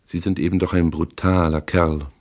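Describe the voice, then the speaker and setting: A man voicing a cold, sharp wealthy woman. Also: low-pitched, fairly even intonation, normal speed, close to an everyday voice. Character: cool, sharp-tongued wealthy young woman.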